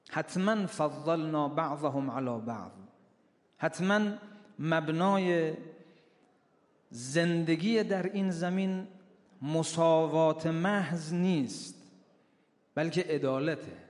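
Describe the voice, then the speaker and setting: Preacher, male, higher-than-usual voice, declamatory sermon delivery, long hall reverb. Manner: declaiming, quoting Quranic Arabic.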